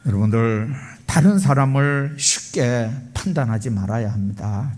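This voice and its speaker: Lively-voiced pastor preaching a sermon. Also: male voice, mid-range voice. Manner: storytelling, exhorting.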